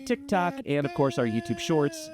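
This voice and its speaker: A man co-hosting a casual board game news show, talking in a relaxed way with lots of "uh" fillers. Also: fairly high pitch, moderate pace, over music. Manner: relaxed, filler-heavy, plays up a movie-trailer voice. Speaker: podcast co-host. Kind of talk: casual gaming news chat.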